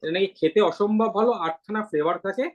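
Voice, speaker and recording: A host explaining products in a brisk, instructive, casual way. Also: mid-range voice, dull audio.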